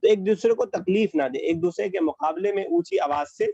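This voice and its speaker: A man's voice: very high-pitched, big pitch swings, gravelly, dark tone, husky, no room sound, lo-fi sound. A man teaching an online class, explaining patiently over a video call and repeating key phrases.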